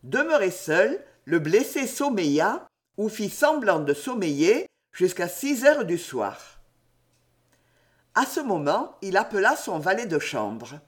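A man's voice: sing-song, slow pace. A man reading a historical novel aloud as an audiobook, with theatrical delivery that he shifts for each character's dialogue. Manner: theatrical, sweeping pitch for dialogue. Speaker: audiobook reader. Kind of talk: expressive audiobook narration.

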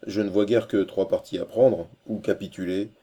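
A man voicing a bold, fearless sea captain who talks in a hearty, lively way in an audiobook reading. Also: fairly low pitch, moderate pace, close to an everyday voice. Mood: wry.

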